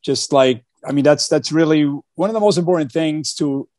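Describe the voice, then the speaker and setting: A Portuguese man appears as a guest on a video call, talking earnestly about his life in casual interview style, with many fillers and repeated starts. His voice is fairly high with a darkish tone at normal speed. The recording is dry and studio quality.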